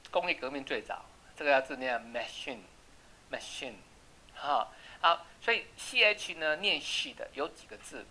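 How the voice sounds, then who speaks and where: Bright-voiced male English teacher. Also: a little high, low-quality recording. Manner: chatty, repeats words slowly for pronunciation; asks "right?" often. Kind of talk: classroom lesson.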